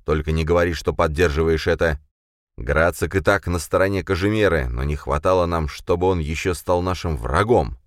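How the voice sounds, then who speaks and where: A man's voice: deep voice, dry recording, clean studio sound, close to an everyday voice. A male narrator voicing an agitated young man who snaps and hisses sarcastic remarks. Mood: heated. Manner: heated, sarcastic, quick to snap.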